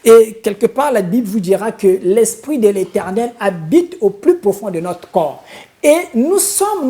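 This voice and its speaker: A spiritual leader from Congo-Brazzaville answers a studio interview in a solemn, preaching style, pausing often on hesitant fillers. His voice sits high and is mellow.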